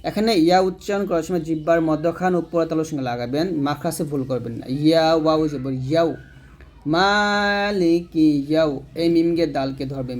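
A man teaching Quran recitation letter by letter, chanting verses slowly and then explaining pronunciation plainly. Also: fairly high pitch, dark tone. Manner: slow drawn-out chanting alternating with plain instruction. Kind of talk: spelling-out recitation lesson.

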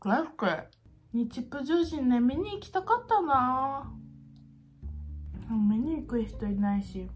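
A woman in her twenties chats casually to camera in an expressive, gushing and self-deprecating way, as a YouTuber in a room at home. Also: sits high, takes it slowly, pauses often, husky, soft background music. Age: 20s. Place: small home room, indoors.

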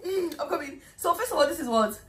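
A young Nigerian woman chatting excitably and emotionally in an unboxing vlog, dropping into pidgin slang. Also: high-pitched, fast talker. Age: young adult. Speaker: vlogger.

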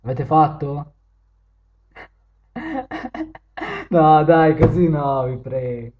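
A man chatting with viewers and strangers on random video chat, joking and teasing, switching from loud greetings to low mutters. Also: big pitch swings, extremely slow, phone-quality sound.

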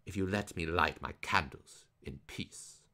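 A man's voice: low-pitched, measured pace, sharp tone. A man voicing a clever, bold folk hero who talks in a confident, teasing way.

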